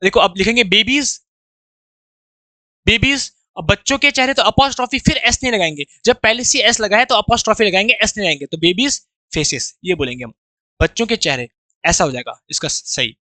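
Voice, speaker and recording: A man's voice: sits high, expressive, pushed and bright, no room sound. A man teaching a grammar lesson for exam preparation, reading each sentence out word by word and then explaining it. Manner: explains slowly, reads English sentences word by word then explains them. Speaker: English teacher.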